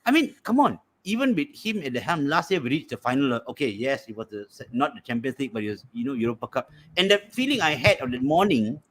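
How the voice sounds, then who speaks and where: A man with a Malaysian English accent debating on a fan panel show. His pitch moves a lot and he argues in an animated, persuasive way. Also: fast talker, hardly any pauses. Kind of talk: casual debate.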